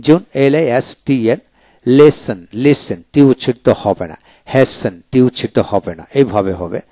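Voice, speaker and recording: A man's voice: medium pitch, animated, moderate pace, a little mellow, dry recording. A man teaching English pronunciation, spelling each word letter by letter and then repeating it.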